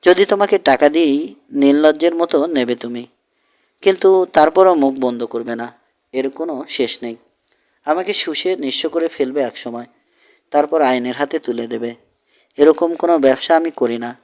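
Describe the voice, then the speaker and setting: A man reading aloud and voicing a calm male outlaw boss who talks with cool, mocking menace. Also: a little high, normal speed, lightly acted. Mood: scornful.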